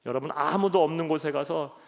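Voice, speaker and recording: A pastor preaching in a church, his voice a little high for a man and rough with gravel. He presses his points hard, rises to loud exhortation, then sinks low and quiet. The sanctuary gives his words a long, ringing reverb. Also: fairly quick. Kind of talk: sermon.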